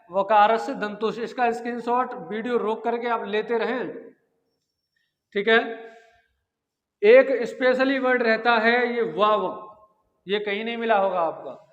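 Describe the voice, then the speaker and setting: A man's voice: high-pitched, fairly bright tone, in a large hall, dull audio. A man teaching Sanskrit grammar in an exam-prep lecture. He asks the class questions, answers them himself, and sounds out the lip consonants. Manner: demonstrates lip sounds aloud.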